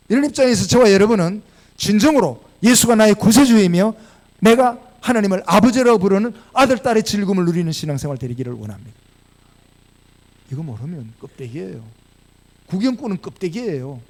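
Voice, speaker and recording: In a church sanctuary, a high-voiced pastor with a Gyeongsang Korean accent delivers an animated sermon, firing rhetorical questions at his congregation.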